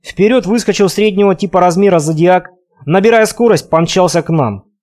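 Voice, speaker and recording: A man narrating a first-person adventure audiobook in an expressive, conversational way. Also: high-pitched, moderate pace.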